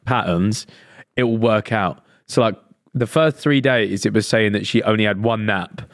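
Lower-pitched British man, laid-back and slangy. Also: moderate pace, no room sound, studio quality. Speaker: co-host. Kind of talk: casual chat.

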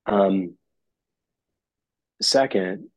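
A man, a therapist on a podcast, explaining ideas in a measured way with some fillers and restarts. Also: sits low, no room sound, rough recording. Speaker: therapist guest. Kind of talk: interview answers.

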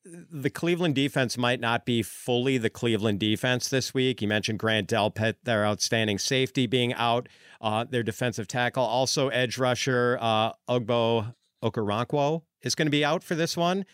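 Man, football analyst, smooth clear voice, thoughtful casual talk. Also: medium pitch, moderate pace, fairly bright tone, dry recording, studio quality. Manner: thoughtful, lots of fillers like uh and um. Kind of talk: casual sports chat.

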